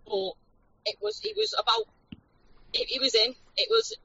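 A woman's voice: very high-pitched, sing-song, moderate pace, pushed and bright, a little hiss or hum. A woman caller on speakerphone while driving, venting bluntly about a match. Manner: frank, blunt sports-fan venting. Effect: heard over a phone on speakerphone. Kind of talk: casual chat. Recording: dull lo-fi phone speaker.

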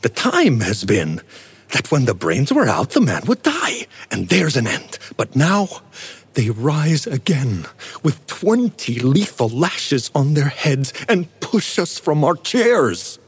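A man's voice: mid-range voice, wildly swooping pitch, takes it slowly, breathy edge, heavily acted. A man playing a guilt-haunted king, declaiming Shakespearean verse in swings between terror and bravado. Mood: brooding. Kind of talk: Shakespearean acting.

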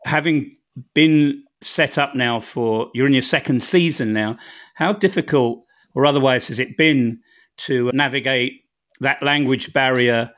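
An English-accented man hosts a conversation and asks curious, probing questions. He sometimes pokes fun at himself. His voice sits at an ordinary middle pitch. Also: unhurried, fairly bright tone. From England. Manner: inquisitive, self-deprecating. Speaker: podcast host. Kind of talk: interview conversation.

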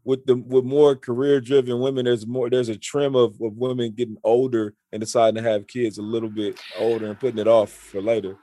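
A man's voice: medium pitch, level tone, mellow, no echo. A man in his forties chatting casually, often stumbling and restarting his sentences. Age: 40s. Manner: halting, repeats words and restarts often. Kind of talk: casual chat.

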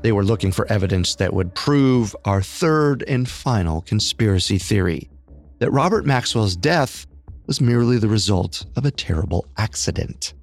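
A man co-hosting a podcast, reading scripted true-crime narration with measured storytelling delivery. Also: lowish voice, animated. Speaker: podcast co-host.

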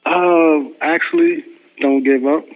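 Man, over the phone, tinny narrow line, soft-spoken, thoughtful, halting. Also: on the high side, fairly even intonation. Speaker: interview guest, brewery crew chief. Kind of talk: casual phone interview answers.

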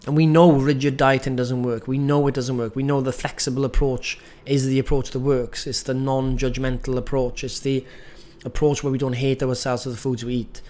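A man's voice: medium pitch, flat delivery, normal speed, hardly any pauses, darkish tone. A man, teaching a coaching lesson on food in a direct, emphatic way and often checking with "right?". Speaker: nutrition coach.

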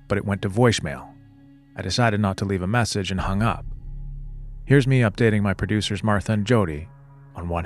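A man with a lowish voice narrates a scripted investigative podcast. He speaks in a measured, serious way, setting out each point evenly. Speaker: podcast host and reporter.

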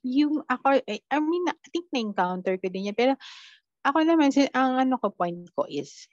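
A woman telling her experiences as a podcast guest, quoting her own dialogue in a blunt, animated way. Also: high voice, normal speed, dry recording, dull audio. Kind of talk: casual storytelling chat.

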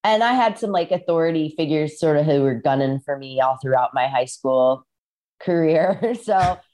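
Talking casually over a video call, a woman from the Midwest, a musician guest, spins rambling stories heavy on fillers and "like"s. She's at a farmhouse in rural Iowa. Her voice is low-pitched and a little mellow, at normal speed.

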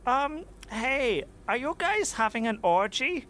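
An awkward needy little fella, bright voice jumping around, comedy radio play, bit of noise. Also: male voice, very high-pitched, big pitch swings, takes it slowly, exaggerated voice. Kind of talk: comedy audio drama acting.

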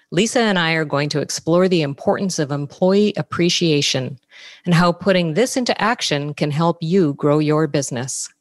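A woman hosts a business podcast, reading prepared introductions and figures in a low, steady, measured voice. The recording is dry and close, with no room sound around it.

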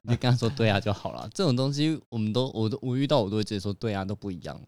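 A man's voice: on the low side, very fast, no room sound, studio quality. A man with a Taiwanese Mandarin accent, co-hosting a casual chat podcast and teasing his friend while telling stories from his restaurant job. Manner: teasing, animated storytelling. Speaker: podcast co-host; restaurant worker.

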